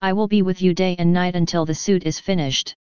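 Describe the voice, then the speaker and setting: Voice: mid-range voice, steady tone, brisk, darkish tone, smooth, no echo, dull audio, lightly acted. A preacher voicing a humble blacksmith servant who reassures his friends. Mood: encouraging.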